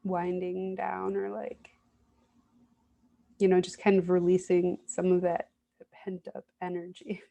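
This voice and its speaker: Woman, unhurried and soft, a bit of vocal fry; gentle self-reflection demo, halting pauses. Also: on the low side, monotone, lo-fi sound. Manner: gentle, soothing, hesitant with pauses. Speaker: IFS parts work demonstrator. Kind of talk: reflective self-guided therapy demonstration.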